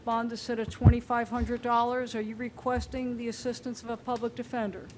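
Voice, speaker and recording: A woman's voice: a little high, little pitch movement, darkish tone. Firm woman judge on a courtroom recording. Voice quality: firm, businesslike, reads charges deliberately. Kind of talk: formal court hearing. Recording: courtroom recording with faint noise.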